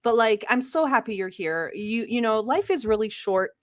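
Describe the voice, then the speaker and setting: Her voice a little high with lively intonation and a moderate pace, this livestream host chats casually while reacting to a video. Born in Turkey with Turkish as her first language, the young woman teases, laughs a lot, and swears offhandedly.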